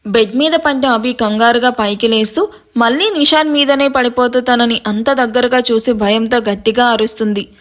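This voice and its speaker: A woman storyteller narrating a romantic story in a lively reading style. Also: on the high side, moderate pace. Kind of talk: scripted narration.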